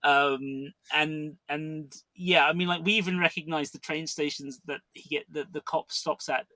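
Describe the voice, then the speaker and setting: Bright-voiced man rambling about films. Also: fairly high pitch, steady tone, unhurried, no room sound. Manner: rambling, many restarts and fillers. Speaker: podcast co-host. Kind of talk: casual film discussion.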